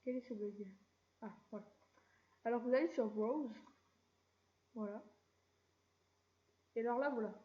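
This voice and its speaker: A woman hosting a casual screen-recorded software tutorial, chatty and relaxed, with mild slang. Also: a little high, measured pace, pauses often, lo-fi sound. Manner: chatty, relaxed, keeps saying "voilà" and drops mild slang. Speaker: tutorial channel host.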